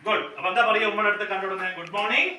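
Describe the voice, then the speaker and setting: Woman preschool teacher, coaxing and repetitive, sharp bright tone, recorded far off in an echoey classroom. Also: medium pitch, flat delivery, racing, a little hiss or hum. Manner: coaxing, repeats questions, mixes in English phrases. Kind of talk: classroom activity with small children. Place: classroom, indoors.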